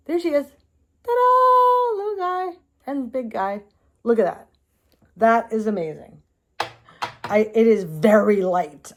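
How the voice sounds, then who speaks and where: A woman's voice: mid-range voice, dark tone. A woman vlogging casually as she shows off her crystals, gushing and exclaiming, swearing often and speaking straight to her viewers. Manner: addresses viewers directly and calls the crystals she or baby. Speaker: crystal shop owner and vlogger. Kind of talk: casual show-and-tell vlog.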